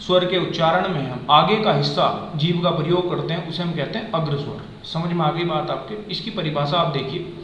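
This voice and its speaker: A man with a high voice teaches a grammar lesson and says each example sound aloud. He keeps asking whether his students have understood. The recording is dull and lo-fi, with a roomy echo. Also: steady tone, brisk, a bit bright, slight background noise. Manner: checks understanding with repeated questions. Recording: echoey, dull lo-fi room sound.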